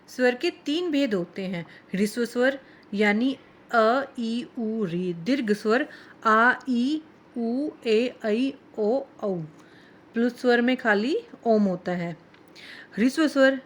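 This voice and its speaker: Slow, deliberate woman teacher. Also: mid-range voice. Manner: slow, deliberate, spells out sounds one by one. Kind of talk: slow explanatory grammar lesson.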